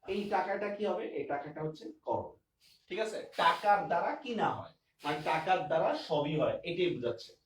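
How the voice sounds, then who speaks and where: A man's voice: on the high side, lively intonation, fairly quick. A man teaching a grammar class online, repeating his examples and often checking whether his students understand. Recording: echoey room, distant mic, faint noise.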